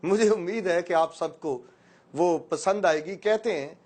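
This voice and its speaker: A man's voice: high voice, darkish tone. A man from Pakistan, an educator, giving a motivational speech and telling a story with playful asides to his listeners.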